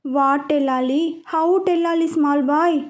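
A woman's voice: high voice, steady tone, close to an everyday voice. A woman reading a storybook voicing a gloomy middle-aged uncle who mopes and mixes broken English into his talk. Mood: mopey. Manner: slow, mopey, mixing broken English in.

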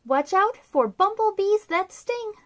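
A woman in her thirties hosts story time for kids, reading a picture book aloud in a bubbly, sing-song style from a small decorated room. She speaks unhurriedly in an extremely high voice with big pitch swings.

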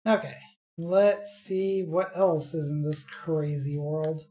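A woman streamer commenting casually on a game as she plays. Her voice is low and she takes her time, musing dryly to herself. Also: steady tone, slow pace, mellow.

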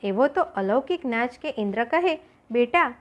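Expressive woman reading a folk tale. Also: fairly high pitch, moderate pace. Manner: expressive storytelling, voices characters. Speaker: audiobook narrator.

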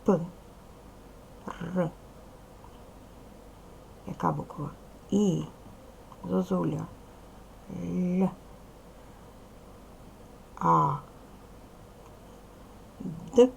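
A woman teacher giving a video lesson to young children, speaking slowly and clearly, asking them questions patiently. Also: lowish voice, slight background noise, low-quality recording. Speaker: primary school teacher.

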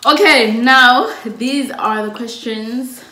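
A South African woman in her early twenties, a YouTube vlogger, chats casually and giggles often through a get-to-know-us video in a small indoor room. Her voice is on the high side, bright and forceful, and she takes her time. The recording is rough and roomy.

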